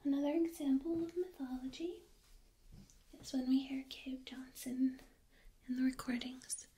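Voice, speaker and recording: A woman softly whispering an ASMR analysis in a slow, deliberate way, ear to ear into a binaural microphone. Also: high voice, fairly even intonation, slight background noise.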